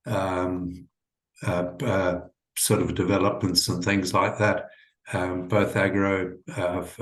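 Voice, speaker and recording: A man from Zimbabwe introduces his webinar talk in a lowish voice. The sound is roomy and echoey. He halts constantly on uh and um as he searches for words. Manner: halting, very frequent uhs. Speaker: government vegetation management presenter. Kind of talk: webinar presentation.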